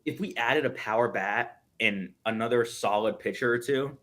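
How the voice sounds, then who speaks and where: A man's voice: mid-range voice, normal speed, fairly bright tone. A man co-hosting a sports podcast in casual chat, talking in an emphatic, punchy way. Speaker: podcast co-host.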